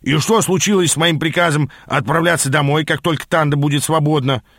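A man's voice: a little high, fairly even intonation, fairly quick, a bit bright, no echo, clean studio sound. A man voicing a bossy, sarcastic demon mentor in a fantasy audiobook. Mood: sardonic. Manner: sarcastic, commanding. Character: gruff, bossy, sardonic male demon mentor.

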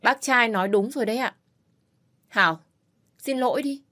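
A woman voicing a sly young woman who talks in a quick, ingratiating way. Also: a little high, pushed and bright.

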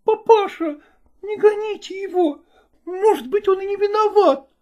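Storybook, woman voicing a gentle young bride, high, soft. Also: a little slow. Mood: imploring.

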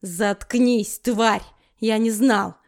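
A woman's voice: fairly high pitch, steady tone, extremely slow. A woman reading an audiobook voices an unhinged, spiteful man in a hysterical, menacing way. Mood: furious. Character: unhinged vengeful man, hysterical villain brother.

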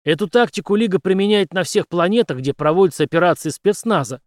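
A man voicing a gruff, hardened soldier captain who talks in curt, grim lines. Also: sits high, lively intonation, quick pace, dry recording, clean studio sound, pitched above the performer's own voice.

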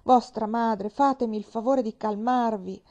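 A woman reading a novel aloud, voicing a stern male bishop who speaks in a measured, soft way. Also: fairly high pitch, fairly even intonation, dull audio, close to an everyday voice.

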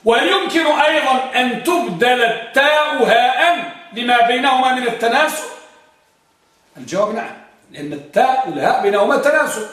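High-voiced man teaching in an echoey classroom. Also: animated, fairly bright tone. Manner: drills students with repeated questions, drawn-out examples. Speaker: Arabic grammar teacher. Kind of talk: classroom lesson, questioning students. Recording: very echoey room, mic far off.

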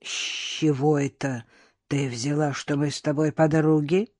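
A huge shaggy dog with a foul temper, as a woman reader puts her on, muttering low and slow with a quiet growl. Her scornful lines drop under the narration and sound dry and close in this storybook reading. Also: steady tone, dry recording. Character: big shaggy grumpy female dog.

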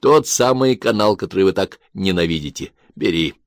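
A man reading a story and voicing a calm, grey-haired older soldier who speaks with steady, dry irony. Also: deep voice, normal speed, no echo. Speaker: corporal in a war story. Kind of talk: audiobook character voice.

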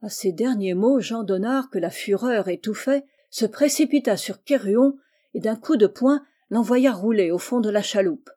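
A woman giving a measured, expressive reading of a literary story. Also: mid-range voice. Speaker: reader.

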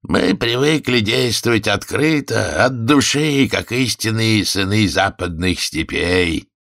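A man's voice: on the low side, lively intonation, slow, vocal fry, fairly bright tone, pitched above the performer's own voice, heavily acted. Man doing Sixby Waddington, pompous declaimer. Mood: grandiose. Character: pompous older male family head, grandiose.

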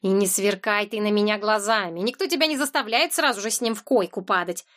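A woman reading the part of a pushy, sarcastic woman friend who talks in a rapid-fire rush. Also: medium pitch, fairly bright tone, close to an everyday voice. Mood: insistent. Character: brash, pushy woman friend, quick talker.

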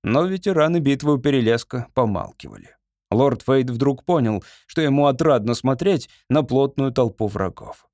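A man's voice: mid-range voice, animated, moderate pace, darkish tone, no room sound. Man narrating an audiobook, dry close sound. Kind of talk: scripted narration.

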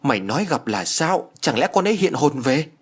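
A distraught older mother wails and pleads in an audio story, voiced by a man. Her voice is pitched high and husky. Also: big pitch swings, a little fast. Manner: wailing, pleading.

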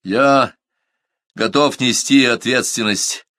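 A man's voice: mid-range voice, slow pace, bright, forceful tone, dry recording, pitched above the performer's own voice. A man reading the part of a proud, stubborn young man in an audiobook, speaking in strained, clipped replies. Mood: firm.

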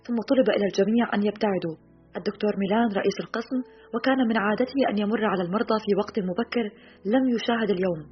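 Woman narrator, quick steady literary reading, muffled sound, soft guitar underneath. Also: mid-range voice. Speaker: audiobook narrator. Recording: slightly muffled, soft guitar music behind.

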